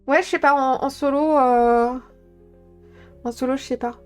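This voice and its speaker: Chatty woman, higher voice. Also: steady tone, measured pace, clear, resonant tone, soft background music. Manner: chatty, thinking aloud with many fillers. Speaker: streamer. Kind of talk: casual live-stream chat about tabletop games.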